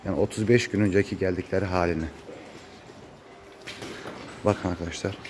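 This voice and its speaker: A man's voice: deep voice, fairly even intonation, brisk. A man, his voice muffled and congested from a cold, talking casually to viewers as a farmer in a vlog. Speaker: cattle farmer. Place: open-sided metal-roofed cattle barn. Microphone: handheld phone. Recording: noisy barn phone recording.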